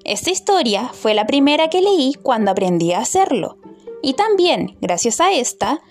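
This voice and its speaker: Lively woman reading a children's story. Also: sits high. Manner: warm greeting, expressive storybook reading. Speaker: storyteller, podcast host.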